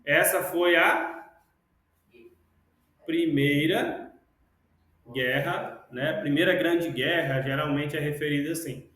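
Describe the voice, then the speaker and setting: A male teacher leads a classroom lesson in a very echoey room. He talks slowly and patiently, saying words over and over so the students can copy them. His voice sits a little high for a man. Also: a bit bright. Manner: slow, repeats words to model pronunciation. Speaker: English teacher.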